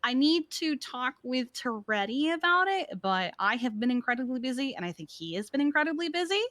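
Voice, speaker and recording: A woman's voice: high-pitched, very animated, fairly quick, a bit bright, no echo. Woman streamer rambling with many ums. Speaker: roleplay EMS command player. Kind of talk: in-character roleplay chat.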